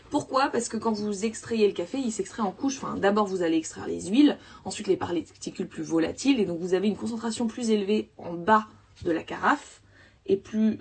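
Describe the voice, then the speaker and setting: A woman with a husky, slightly gravelly voice talks through a casual instructional podcast about coffee. She explains step by step and pauses on fillers as she works out details. She sits a little back from the mic. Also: mid-range voice. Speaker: coffee consultant and podcast host.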